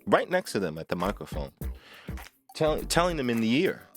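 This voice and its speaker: Addressing the camera informally, a music tutorial host who plays the talkbox speaks at a moderate pace with a medium-pitched, sing-song voice. His delivery is emphatic and repetitive, often seeking agreement with the tag "right?".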